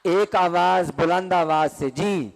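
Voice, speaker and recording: In a classroom call-and-response lesson on Quran recitation, a man poses questions and gets students to chant terms back in rhythm. His voice is high-pitched and creaky, and a faint crowd can be heard.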